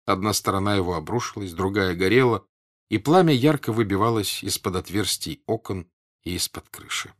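Guy reading an old novel aloud, steady and measured, kinda low voice. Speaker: narrator. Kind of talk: literary audiobook reading.

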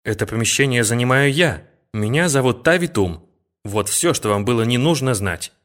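A man's voice: medium pitch, animated, normal speed, a bit bright, close to an everyday voice. A male audiobook reader voicing a proud, frightened young girl, speaking in a raised, pleading and demanding voice. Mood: indignant.

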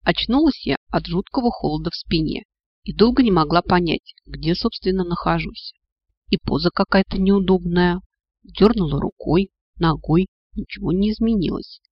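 A man reading an audiobook in a wry, lively first-person storytelling way. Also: high voice, normal speed, no echo, dull audio. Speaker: audiobook narrator. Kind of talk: audiobook narration.

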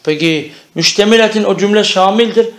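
A man's voice: high voice, fairly quick. A man teaching an Arabic grammar lesson, explaining step by step and often checking that the class understands.

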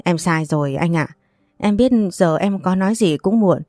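A woman's voice: on the low side, normal speed, dark tone, no echo, studio quality, close to an everyday voice. A woman voicing a remorseful younger man who begs his older brother for rescue in a read-aloud story. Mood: begging. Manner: begging, remorseful. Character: desperate younger man, gambler begging forgiveness.

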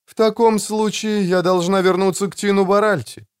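A man's voice: high voice, little pitch movement, moderate pace, smooth, voice pushed up, natural voice. A man reading an audiobook, voicing a blunt, proud female army captain in a raised, clipped, insistent voice. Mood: curt, demanding. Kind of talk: audiobook character voice.

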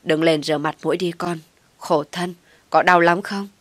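A woman's voice: fairly low pitch, fairly even intonation, moderate pace, no echo, close to an everyday voice. A woman voicing an older man who scolds his wife in a roaring voice. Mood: tender. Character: furious old father-in-law, man shouting.

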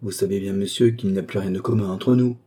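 A man's voice: sits low, fairly even intonation, fast, mellow, husky. A man voicing a frail weary old marquis. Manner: weary, curt. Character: frail aging male marquis, weary, stern.

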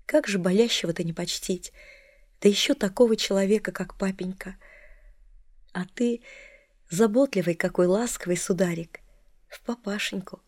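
A woman reading an audiobook, voicing a kind, gray-haired old man who speaks softly and unhurriedly. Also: fairly high pitch, expressive, dry recording, studio quality. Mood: tender. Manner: soft, gentle and unhurried.

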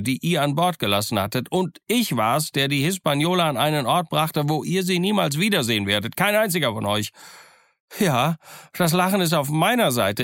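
A man voicing a defiant, excited young cabin boy in an audiobook, speaking in a fervent, declamatory way. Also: medium pitch, no room sound, natural voice. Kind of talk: audiobook character voice. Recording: dry close studio sound.

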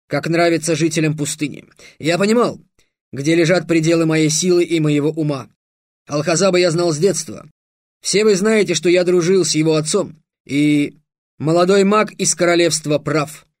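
A man voicing a calm, dignified middle-aged warrior who speaks in a measured, solemn way. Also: fairly high pitch, no echo, studio quality, lightly acted.

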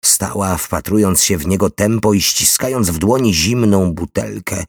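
A man reading a novel aloud in a steady, measured storytelling voice. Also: deep voice, slightly rough, no echo, studio quality. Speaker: audiobook narrator. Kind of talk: scripted narration.

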